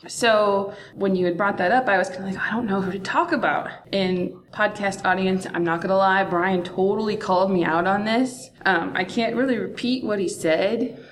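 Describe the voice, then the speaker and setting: A woman's voice: medium pitch, fairly even intonation, moderate pace. A woman co-hosting a podcast in casual conversation, chatty and self-deprecating. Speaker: podcast co-host. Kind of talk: casual chat.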